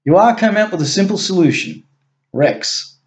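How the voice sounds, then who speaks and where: Man, storyteller, read-aloud fiction, measured, slightly high voice, small slips.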